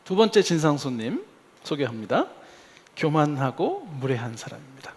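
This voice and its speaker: A man preaching a sermon as pastor in a church, telling a personal story with lively acted-out asides. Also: a little high, moderate pace. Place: church sanctuary. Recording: long hall reverb.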